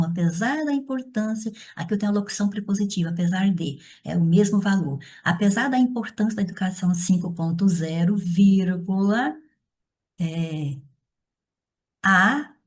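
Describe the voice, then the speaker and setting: A middle-aged woman teacher who talks the viewer through writing an essay by hand, step by step, often checking in with a quick question. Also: on the low side, warm tone, slightly rough.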